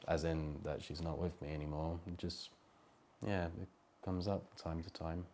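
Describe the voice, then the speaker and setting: Slow, deep-voiced young man. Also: flat delivery, darkish tone, slight background noise. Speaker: student. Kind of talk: personal interview testimony.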